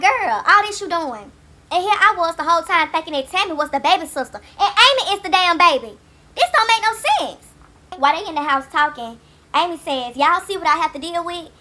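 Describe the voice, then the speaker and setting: A woman's voice: sits high, bright, forceful tone. A woman hosting a reality-TV recap vlog, brash, profane and opinionated in casual commentary. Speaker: YouTube reality-TV recap host.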